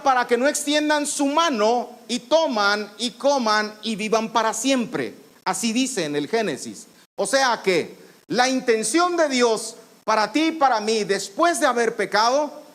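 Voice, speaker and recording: A man's voice: extremely high pitch, expressive, unhurried, fairly bright tone. A man, a pastor preaching a sermon in church, explaining scripture and repeating phrases for emphasis. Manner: teaching, explains scripture, repeats phrases, calls out commands with authority.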